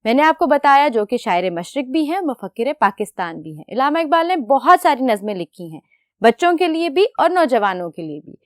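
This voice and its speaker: Lively, animated woman teacher, dry sound. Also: high voice, dry recording. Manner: patient, explains slowly, asks questions to children. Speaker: school teacher. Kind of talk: recorded classroom lecture.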